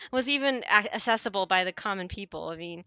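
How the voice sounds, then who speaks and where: A woman's voice: medium pitch, animated, moderate pace, sharp tone, clear, resonant tone, no echo. A woman in her forties, chatting casually with viewers on her stream, rambling and often correcting herself mid-sentence. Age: 40s.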